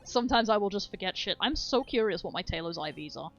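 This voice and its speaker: A woman's voice: mid-range voice, expressive, fast talker, dull audio, soft background music. A woman streamer chatting casually and rambling enthusiastically about speedrun details, swearing freely. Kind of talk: casual game-stream chat.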